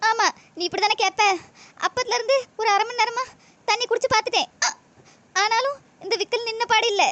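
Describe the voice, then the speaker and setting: A woman's voice: very high voice, steady tone, brisk, a bit bright, dry recording, highs cut off. A woman voicing a complaining, demanding village mother-in-law in a comedy cartoon, plaintive, with a southern Tamil Nadu accent. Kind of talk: comedy skit voice acting.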